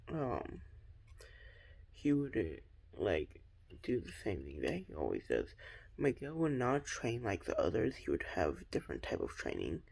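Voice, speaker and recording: A young man talks through a fan theory in an unhurried, rambling way. His voice has a gravelly, fried texture at a middling pitch, and he keeps stopping to say um and to start his sentences over. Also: a little mellow. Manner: hesitant, many ums and restarts.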